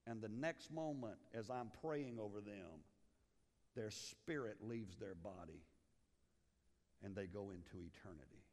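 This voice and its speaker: A man from Liberia preaching a sermon as pastor, swinging from loud urgency down to hushed, low lines. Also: unhurried. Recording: long hall reverb.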